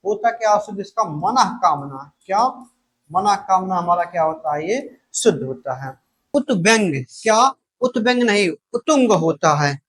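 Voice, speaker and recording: Male tutor, high pitch, drills students with constant rhetorical questions and repetition. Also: animated, a little slow, fairly bright tone, slightly rough. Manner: keeps asking rhetorical questions and repeating the answers; addresses viewers directly, calls them brother. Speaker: Hindi exam-prep teacher. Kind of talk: spoken lesson, drilling spellings.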